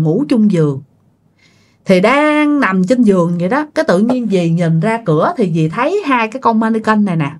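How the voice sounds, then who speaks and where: A woman, casually telling a ghost story and talking directly to her listeners. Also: medium pitch. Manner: chatty, addresses listeners directly.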